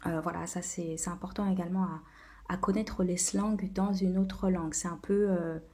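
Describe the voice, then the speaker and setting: Mellow-voiced woman, hesitant vlogger. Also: on the low side, steady tone, moderate pace. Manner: hesitant, many filler sounds. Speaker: video host. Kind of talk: casual explainer video.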